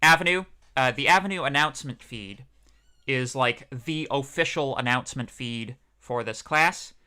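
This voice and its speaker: Chatty young man lecturing, bright voice. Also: medium pitch, normal speed, smooth. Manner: chatty, rambling, with many fillers. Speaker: university lecturer, PhD student. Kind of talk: casual livestreamed lecture.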